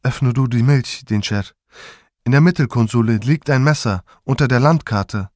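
Brisk, commanding mother in a story reading, read by a man. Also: medium pitch, darkish tone, no room sound, clean studio sound, voice pushed up, lightly acted. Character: firm, practical middle-aged mother giving orders.

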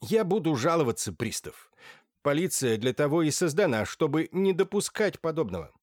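A man's voice: mid-range voice, big pitch swings, moderate pace, dry recording, clean studio sound. A man voicing a blustering, half-blind old general who speaks in indignant, commanding outbursts.

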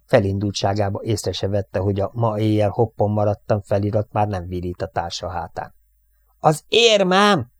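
A man narrating an audiobook in a measured, dramatic way. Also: fairly low pitch, flat delivery, mellow, no echo, studio quality.

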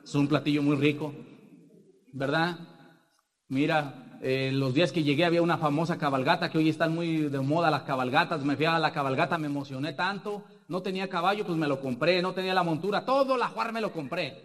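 A man's voice: fairly high pitch, brisk, in a large hall. A man with a Mexican accent giving a rambling motivational testimony as a business speaker, tagging nearly every point with a question. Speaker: business speaker sharing success story.

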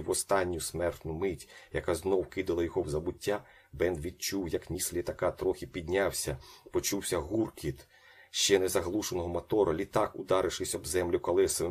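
Low, husky male audiobook narrator. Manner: acts out the shouted lines, then drops to a slow hush. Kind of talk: dramatic audiobook reading.

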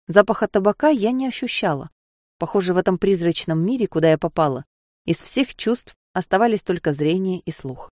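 A woman's voice: on the low side, darkish tone, no echo. Woman reading an audiobook, dry close sound. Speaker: narrator. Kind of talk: audiobook narration.

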